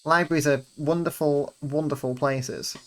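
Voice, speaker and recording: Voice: medium pitch, fairly even intonation, moderate pace, a bit bright. A streamer doing a blind visual novel playthrough, commenting with sarcastic, profane, rambling asides.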